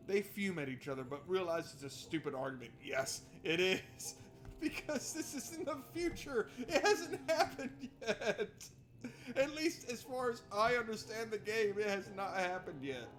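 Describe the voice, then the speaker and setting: With a high, very animated voice and a fairly bright tone, a man does let's play commentary on a visual novel at a measured pace. He reads the narration aloud and tears into it with exasperated sarcasm and swearing, while game music plays in the background.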